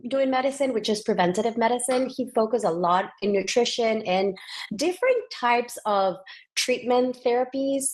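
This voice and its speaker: Guest, woman, 40s, from Ecuador, chatty and lively, often restarts mid-sentence. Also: a little high, moderate pace. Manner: restarts often, animated and enthusiastic. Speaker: guest, physician scientist. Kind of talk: casual interview conversation.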